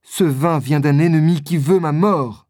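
A man voicing a bold young male swordsman hero, raising his voice higher and exclaiming. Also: measured pace, darkish tone, no echo, clean studio sound, natural voice. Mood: earnest.

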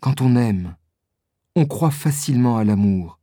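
A man reading a storybook aloud, voicing a lovesick nobleman who speaks slowly and tenderly. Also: medium pitch, animated, dark tone, no echo, clean studio sound, natural voice. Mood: ardent. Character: lovesick foreign nobleman, ardent and devoted.

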